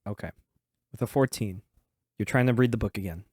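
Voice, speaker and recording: A man narrating as game master, relaxed, laughing often and repeating words as he goes. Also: on the low side, fairly quick, dry recording, clean studio sound.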